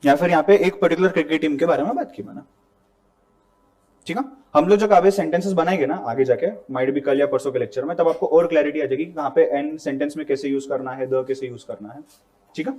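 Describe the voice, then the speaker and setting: Guy teacher talking a class through grammar, kinda high voice, soft mellow tone, keeps checking they got it. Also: fast talker. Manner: conversational, mixes English terms into Hindi, asks students to confirm. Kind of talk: classroom lecture. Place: classroom with students.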